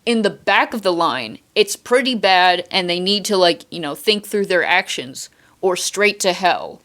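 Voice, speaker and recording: A woman's voice: fairly low pitch, expressive, unhurried, fairly bright tone. Young woman hosting with dry playful jokes. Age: young adult. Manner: playful mock-formal, dry joking. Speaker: host. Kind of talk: casual chat interview.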